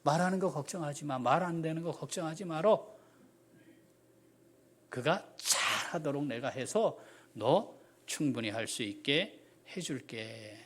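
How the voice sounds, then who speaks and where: A man voicing God speaking calmly and reassuringly in plain everyday talk, inside a sermon. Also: fairly high pitch, measured pace. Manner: quiet, calm, colloquial reassurance. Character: God, calm and reassuring to Moses.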